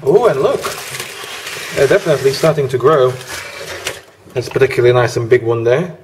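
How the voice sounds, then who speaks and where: A man's voice: medium pitch, lively intonation, a little fast. A man from Bosnia and Herzegovina, a guest cook, explaining a kitchen demonstration step by step. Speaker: guest cook and orchid judge. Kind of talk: casual demonstration. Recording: roomy, faint noise.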